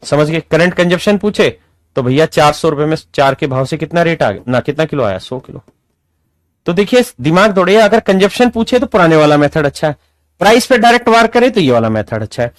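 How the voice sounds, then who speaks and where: A man's voice: a little high, big pitch swings, a little fast, no echo. A man teaching a math lesson to a class in a folksy, coaxing way, often checking that students follow and calling them his dear children. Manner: asks frequent check questions.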